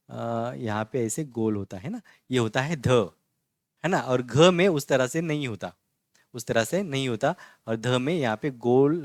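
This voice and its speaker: This clean studio recording without echo features a man of medium pitch explaining letters on a board in a basic online Marathi lesson. His manner is patient and repetitive: he asks "है ना?" ("isn't it?"), supplies the answer himself, and pronounces every letter slowly and distinctly.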